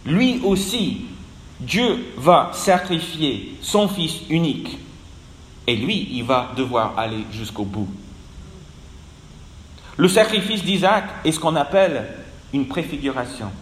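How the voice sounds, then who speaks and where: A man preaching a sermon in a slow, earnest manner, his voice dropping at the ends of phrases. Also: fairly high pitch, fairly bright tone, a little hiss or hum. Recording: echoey hall with long reverb.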